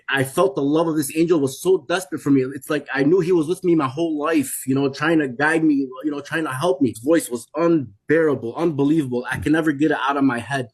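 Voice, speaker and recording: A man's voice: fairly high pitch, husky. A middle-aged man giving an intense, emphatic personal testimony, often restarting his sentences. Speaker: testimony speaker.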